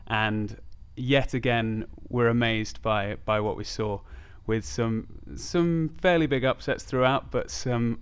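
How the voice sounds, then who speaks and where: A man's voice: mid-range voice, slow, hardly any pauses, clean tone. A man hosting a podcast, talking casually about sport. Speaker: podcast host.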